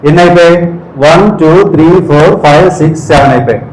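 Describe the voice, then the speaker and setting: A man's voice: on the high side, steady tone, fast talker, darkish tone. Man, phonetics teacher, quizzes listeners, repeats sounds, echoey room. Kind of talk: spoken English phonetics lesson.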